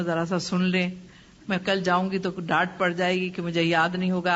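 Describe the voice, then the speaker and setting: A woman religious teacher giving a lecture and answering questions, advising gently through personal stories. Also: fairly low pitch. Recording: muffled lo-fi with faint hiss.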